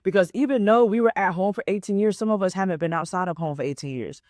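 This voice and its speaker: Speaking at a quick pace, this woman has a mid-range voice with a darkish tone. She's a twenty-something life coach hosting a solo motivational podcast, talking casually, asking "right?" and "okay?" often, and repeating points for emphasis. Dry, studio-quality recording.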